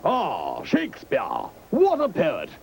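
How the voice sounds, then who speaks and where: A man's voice: sits high, wildly swooping pitch, takes it slowly, creaky, music in the background, heavily acted. A man voicing a pompous, self-important mayor in a cartoon who chuckles at himself.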